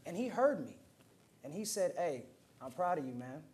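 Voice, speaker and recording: Very animated, this American-accented man in his twenties from Oakland, California tells personal stories casually during an indoor roundtable at a museum. His voice is fairly high with a darkish tone, and he talks at a normal speed over a little hiss or hum.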